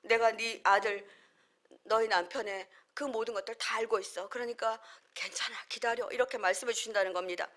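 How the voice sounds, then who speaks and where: A middle-aged woman pastor giving an earnest, conversational sermon. She uses homely family examples and acts out short quoted lines with sudden jumps in pitch and loudness. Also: fairly even intonation, fairly quick.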